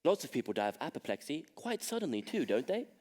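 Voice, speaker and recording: A young man acting a weary, proper gentleman in a school stage comedy, with a dry delivery. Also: a little high, big pitch swings, quick pace. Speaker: stage actor in a school play.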